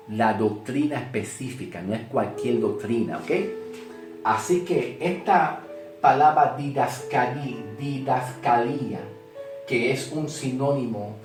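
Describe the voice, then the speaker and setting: A man teaching from the Bible slowly, often repeating a point and checking in with "ok?". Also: medium pitch. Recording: echoey room with guitar music.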